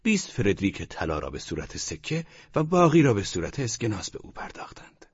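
A man narrating an audiobook novel in an expressive, storytelling way. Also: mid-range voice, husky, dry recording. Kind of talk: scripted narration. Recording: dull, dry studio recording.

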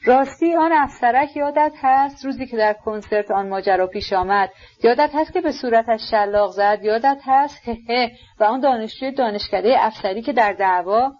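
A woman reading aloud, voicing a tense, brooding grown man in shock who talks hushed and then wildly. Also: medium pitch, expressive, dull audio, lightly acted.

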